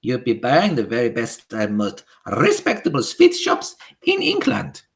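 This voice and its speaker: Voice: medium pitch, wildly swooping pitch, unhurried, creaky, pitched above the performer's own voice, heavily acted. A reader voicing a tiny, furious female witch leader who screeches and speaks with odd foreign-sounding grammar, in an audiobook. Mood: commanding. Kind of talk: audiobook character voice.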